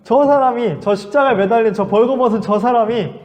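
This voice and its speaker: A man's voice: extremely high pitch, a little fast, darkish tone, long reverb tail, highs cut off, voice pushed up. A man doing jeering, sarcastic Roman soldiers. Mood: mocking. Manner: mocking, sarcastic. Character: jeering Roman soldiers, rough and mocking men.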